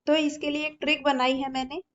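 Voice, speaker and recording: A woman's voice: high-pitched, level tone, a little fast, a bit bright, highs cut off. A woman teaching an exam-prep lesson, explaining patiently with memory tricks and often checking in with her students.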